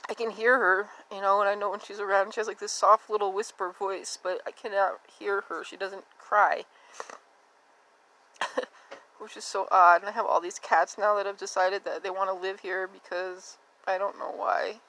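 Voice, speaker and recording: A woman's voice: mid-range voice, level tone, moderate pace, sharp tone, rough recording. A woman hosting a podcast, talking in a candid, rambling personal monologue with many fillers and a subdued, unsteady delivery. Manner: rambling and confessional, with frequent fillers. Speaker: podcast host.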